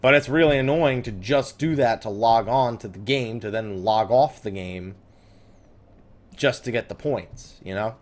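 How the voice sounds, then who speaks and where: A man with a mid-range voice hosts a let's play series, giving casual, unhurried commentary on a video game. He swears and gripes sarcastically as he plays.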